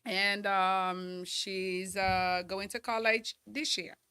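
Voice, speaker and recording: A woman's voice: mid-range voice, level tone, slow, sharp tone, clear, resonant tone. A woman, giving earnest, upbeat interview answers as a guest. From Nigeria. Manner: earnest, upbeat, talks in long runs. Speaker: guest, model trainer and banker.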